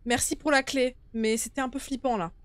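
Higher-voiced young woman streaming. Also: steady tone, brisk, no echo. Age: young adult. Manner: informal, chatty, swearing. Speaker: game streamer. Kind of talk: casual live horror-game commentary. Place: small indoor streaming room. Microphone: close desktop streaming microphone.

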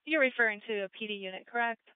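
Lady dispatcher on radio, short procedural replies, smooth voice, phone-like scanner sound. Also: fairly high pitch, very fast, no room sound. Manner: clipped, procedural, speaking over a radio. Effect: voice over a two-way radio. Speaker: emergency dispatcher. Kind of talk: fire department radio dispatch traffic.

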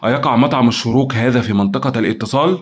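A man's voice: medium pitch, fast talker, natural voice. A man voicing a firm, decisive team leader. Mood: eager. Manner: firm, decisive, mocking toward the villain. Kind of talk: audio drama acting.

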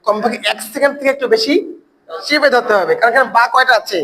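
High-voiced man drilling recitation with a class. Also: fast, a loud crowd, low-quality recording. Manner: asks the class questions and answers them himself, repeats words to drill pronunciation. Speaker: Quran recitation teacher. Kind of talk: online Quran recitation class.

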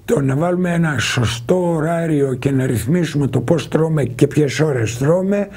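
Very husky gravelly male doctor. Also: a little high, mellow. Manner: measured, explanatory, addresses viewers directly. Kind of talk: explanatory health talk to viewers.

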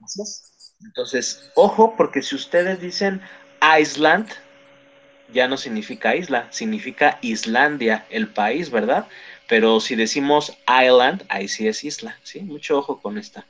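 A man's voice: medium pitch, expressive, normal speed, fairly bright tone, rough recording. A man teaching a beginner English class, patiently correcting pronunciation and encouraging his students.

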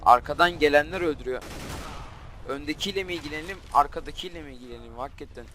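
A young man hosting a gaming channel, giving casual gameplay commentary and quickly flaring up in frustration. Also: on the high side. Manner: frustrated, quick to flare up and shout at the game.

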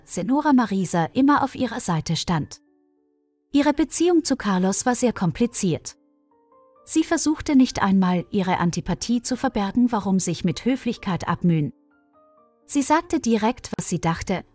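A woman reading a scripted story in a calm, even storytelling manner. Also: medium pitch, no echo. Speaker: narrator. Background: faint music.

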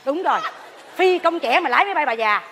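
In a live stage comedy on a large theater stage, an actress plays a gossipy woman who sweeps leaves at a temple, exclaiming excitably as she gossips. Her voice is high and fast, and the hall recording picks up a faint audience and slight background noise.

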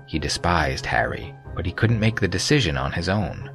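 A man with a very low voice narrates a fantasy audiobook in a steady, dramatic way. Quiet music plays faintly under his reading. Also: moderate pace, gravelly. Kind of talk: scripted narration.

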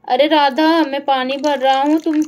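Here is a helpful young village husband, which a woman plays in a doll story. The voice is fussy and easygoing, and it sits high for a man. Faint music plays underneath. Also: fairly even intonation, moderate pace, lightly acted. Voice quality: same high voice as narrator, barely lowered. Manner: fussy and complaining, then eager to help.

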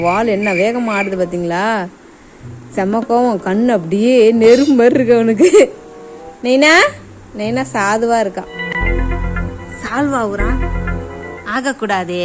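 A woman vlogging about her cats, chatting to viewers and coaxing her pets in a teasing, baby-talk way. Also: fairly high pitch. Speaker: cat-owner vlogger. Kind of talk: casual chat to camera and pets. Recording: music playing under the voice. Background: background music.

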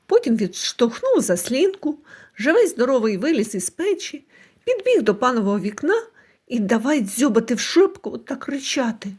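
High, lively woman reading a fairy tale. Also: normal speed, slightly rough. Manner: expressive, animated reading. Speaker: storyteller. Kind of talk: scripted fairy tale narration.

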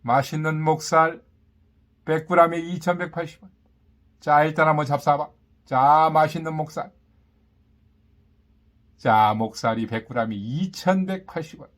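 A man's voice: moderate pace, pauses often. A man working as a market vendor, calling out prices and specials in short, repetitive, boastful sales patter. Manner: hawking pitch, repetitive, punchy short phrases with boastful catchphrases. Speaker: market vendor announcing produce and meat prices.

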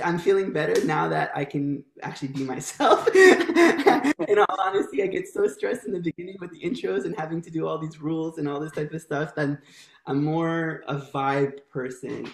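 Upbeat gravelly male video call host. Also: a little high. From Maryland, United States. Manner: upbeat, laughing, fast bursts of talk. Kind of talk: casual video call interview. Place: home room. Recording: roomy video call audio.

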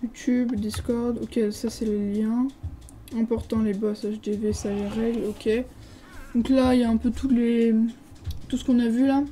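Mellow-voiced French woman touring a game server. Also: a little high, steady tone, unhurried, low-quality recording. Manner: hesitant, many filler sounds, reads signs aloud. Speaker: gaming video creator. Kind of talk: casual game server tour commentary.

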